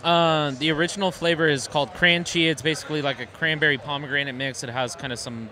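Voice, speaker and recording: A young man with a bright, slightly high voice gives a casual product pitch. His manner is easygoing and polite as he explains things to an interviewer. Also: steady tone, quick pace, a little hiss or hum. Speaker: company representative being interviewed. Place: trade show booth indoors. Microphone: handheld microphone held by interviewer.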